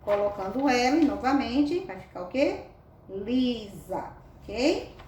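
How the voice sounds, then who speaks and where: A woman with a fairly high voice leads a children's reading lesson, spelling words out slowly. She coaxes her pupils with affectionate, sing-song questions. The recording sounds echoey and distant, with faint noise behind her. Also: sing-song, darkish tone. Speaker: teacher.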